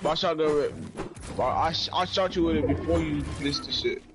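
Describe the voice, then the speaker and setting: Man, higher-pitched, hyped gamer bro, brash slangy trash talk, swearing, very noisy gunfire behind. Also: moderate pace. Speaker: gamer playing a 1v1 shooter match. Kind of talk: casual trash-talking game chat. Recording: very noisy game mic with gunfire. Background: loud gunfire and game sounds.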